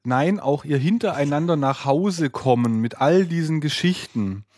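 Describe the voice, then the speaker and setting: A man's voice: on the high side, expressive, normal speed, a little mellow, no echo. A male podcast co-host chatting casually, making wry jokes. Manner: wry, joking. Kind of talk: casual chat.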